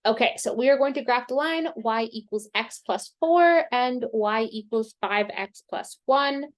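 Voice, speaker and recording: Woman math teacher, somewhat high voice, slow patient step-by-step explainer, has the hiccups. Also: animated. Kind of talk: recorded screen-share math lesson.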